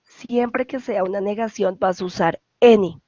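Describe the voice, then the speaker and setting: A woman's voice: medium pitch, measured pace, warm tone, no echo, dull audio. A woman with a Colombian Spanish accent, an English tutor patiently explaining grammar over a video call and often checking for questions. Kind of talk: online class explanation.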